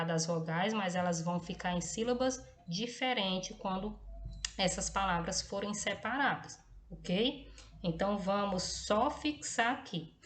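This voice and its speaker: A woman teacher with a Brazilian Portuguese accent explaining a grammar lesson to children, checking in after nearly every phrase. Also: mid-range voice. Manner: explains slowly with frequent tag checks, tá and ok. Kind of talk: recorded classroom lesson for children.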